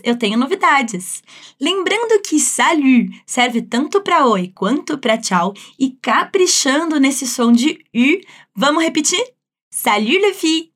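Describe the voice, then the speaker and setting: Uma professora de francês com sotaque brasileiro, dando aula de um jeito animado, coloquial e encorajador. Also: female voice, high-pitched, fairly bright tone. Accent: Brazilian. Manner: upbeat, chatty, encouraging. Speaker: French teacher. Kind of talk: language lesson.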